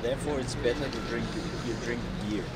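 An older man with a German accent, chatting casually for his sailing vlog, halting with many fillers. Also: medium pitch, steady tone. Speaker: sailing vlogger. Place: outdoors on a street and on a sailboat. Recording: loud wind and boat noise. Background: wind and water noise.

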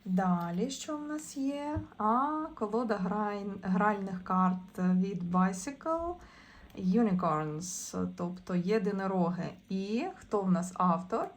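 A woman's voice: medium pitch, expressive, slow. A woman chatting casually through an unboxing, with hesitant fillers and restarts. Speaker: vlogger unboxing tarot and esoteric goods.

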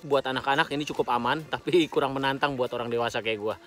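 A man's voice: medium pitch, fast, faint music behind. A man in his thirties with an Indonesian accent, hosting a casual travel vlog outdoors and filming himself with a phone at arm's length. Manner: chatty, relaxed, informal slang. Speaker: vlogger host. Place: outdoors by a dry riverbed in bushland.

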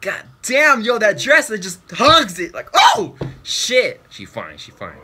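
A young man giving casual, profane, slangy and excitable reaction commentary. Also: high-pitched, unhurried, very noisy. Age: young adult. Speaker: reaction video host. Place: small bedroom indoors.

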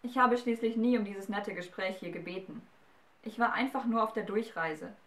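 Eine Frau spricht ein uraltes, schnippisches Hexenmädchen mit spitzer, sarkastischer Art. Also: female voice, mid-range voice, moderate pace, reverberant, close to an everyday voice. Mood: spöttisch. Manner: snappy, sarcastic. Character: defiant half-witch girl, centuries old, sharp-tongued.

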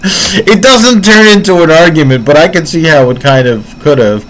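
A man's voice: a little high, normal speed, fairly bright tone, slight background noise, low-quality recording. Earnest man thinking aloud. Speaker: martial arts commentator. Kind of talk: casual reaction commentary.

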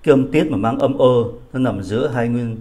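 A man teaching a French reading lesson, reading phrases slowly and carefully and then explaining them quickly. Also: medium pitch, warm tone.

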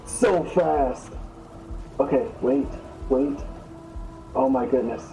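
A young man giving excitable let's play commentary, shouting at the game as he plays. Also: medium pitch, slow, soft background music, rough recording. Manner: excitable, exclamatory, talks to the game. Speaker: gameplay channel host.

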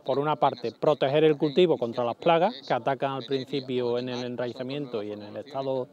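A man's voice: mid-range voice, brisk, darkish tone. A man explaining a product's features. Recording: dull lo-fi sound.

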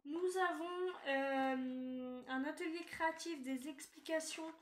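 Recorded in an echoey room with faint noise, a woman chats casually about a collectible doll magazine. She speaks slowly in a high-pitched voice, hesitating with lots of fillers and restarts.

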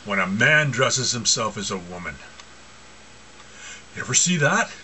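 A man's voice: mid-range voice, very animated, measured pace, sharp tone, a little hiss or hum. A man preaching an informal sermon, mocking and asking rhetorical questions, often laughing to himself.

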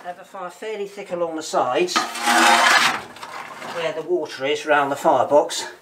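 Down in a steam tug's engine room, a noisy indoor space, an older volunteer engineer talks through his work in a practical, chatty way. He speaks on the high side at a normal speed.

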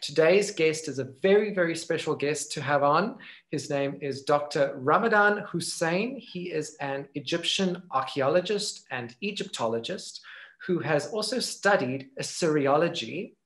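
A young adult man hosts a live interview over a video call. His voice sits a little high. He talks eagerly, heaping praise on his guest and stumbling over a few words. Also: a bit bright. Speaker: host. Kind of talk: friendly interview hosting. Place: room indoors.

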